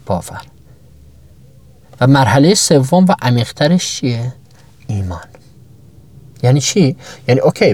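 A man's voice: mid-range voice, darkish tone, no room sound. A man giving a motivational self-knowledge talk to his listeners, asking many rhetorical questions and stacking up examples, his voice often jumping upward for emphasis.

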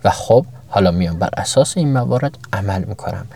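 A man's voice: lowish voice, lively intonation, creaky, mellow. A man giving a motivational self-knowledge talk to his listeners, asking many rhetorical questions and stacking up examples, his voice often jumping upward for emphasis.

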